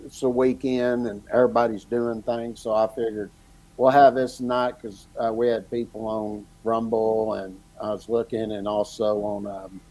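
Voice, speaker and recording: A man's voice: on the low side, level tone, normal speed, a little mellow. An older man, a podcast host, talking in a rambling, casual way and chuckling through his stories. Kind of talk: casual chat.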